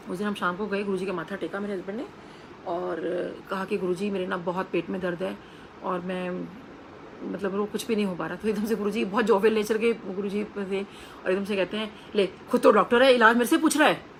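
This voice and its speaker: A woman's voice: mid-range voice, a little hiss or hum, low-quality recording. A woman telling an earnest personal testimony to a congregation, acting out the voices of the people she quotes. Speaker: devotee sharing a testimony.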